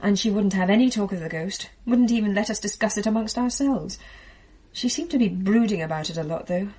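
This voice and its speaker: A woman's voice: medium pitch, fairly quick, a little mellow, slightly rough, lightly acted. An actress playing a young adult daughter narrating her family's story in a radio play, in a dry, matter-of-fact way. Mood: calm.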